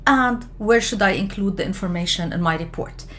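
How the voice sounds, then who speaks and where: Measured woman explaining research, from Lebanon. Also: mid-range voice, fairly bright tone, slight background noise. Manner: measured, with frequent fillers and self-corrections. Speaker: education lecturer. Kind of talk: explanatory lecture.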